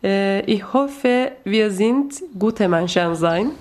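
Slow, hesitant woman. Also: medium pitch, lively intonation, a little mellow, a little hiss or hum. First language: Turkish. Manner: hesitant, many filler sounds. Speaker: guest reader, former teacher. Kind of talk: halting personal statement.

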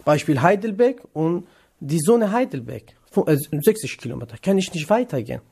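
A young man from northern Iraq, talking in a radio interview. His voice sits a touch higher than most men's. His German is halting, with many pauses and fillers. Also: animated, creaky, darkish tone, husky. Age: 20s. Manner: hesitant non-native German with many fillers. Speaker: interviewee, trainee cook.

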